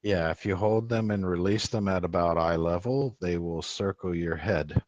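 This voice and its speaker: A man running a tabletop game as game master over voice chat, speaking haltingly while his mic cuts out and his volume jumps around. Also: low-pitched, dull audio, crowd noise. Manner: halting, restarts often. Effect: mic cutting out, uneven volume.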